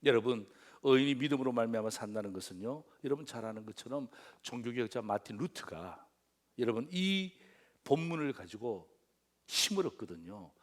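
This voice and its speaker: A middle-aged man preaching a sermon as pastor, telling a story with many rhetorical questions and swinging between loud exclamations and hushed whispers. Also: medium pitch, lively intonation, normal speed.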